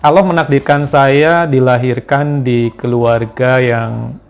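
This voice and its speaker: A man's voice: medium pitch, steady tone, slow pace. A man talks through his own story at an easy conversational pace. His voice sits mid-range, and he stops here and there to hesitate and find his words. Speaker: interview guest telling his conversion story. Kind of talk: relaxed testimony conversation.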